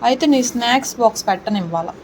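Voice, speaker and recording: High-voiced mother coaxing her kids, noisy room. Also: expressive, quick pace. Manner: coaxing and pleading. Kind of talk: talking with her children at home.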